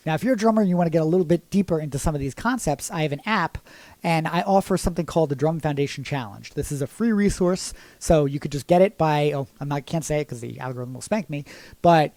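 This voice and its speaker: A man's voice: fairly high pitch, fast talker, no echo. Drum teacher guy, chatty, sings the beats as ta ta, dry close mic. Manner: sings accent rhythms as "ta"; relaxed, conversational explaining. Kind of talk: casual drum lesson.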